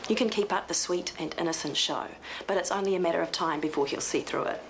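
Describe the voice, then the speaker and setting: A guarded ex-wife in a television soap talks in a fairly low voice. She is blunt and earnest, over noticeable background noise. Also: fast, creaky. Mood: cool warning. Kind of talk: television soap opera dialogue. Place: indoor clinic corridor and locker room. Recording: noisy ambient TV soundtrack.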